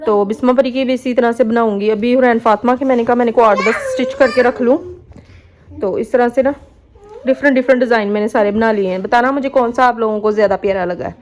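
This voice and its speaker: A chatty woman from Pakistan talks to her viewers in a home vlog, her voice a little high. She keeps addressing the audience directly. Faint kitchen sizzle and house noise sit behind her on a phone recording. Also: fairly even intonation, quick pace, darkish tone. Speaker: family vlogger.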